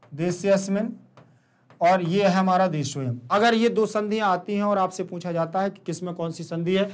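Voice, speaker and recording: A man's voice: high-pitched, darkish tone. A man teaching a recorded online lesson with a Hindi accent, explaining step by step, repeating terms and answering his own questions. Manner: checks in with "ठीक" often.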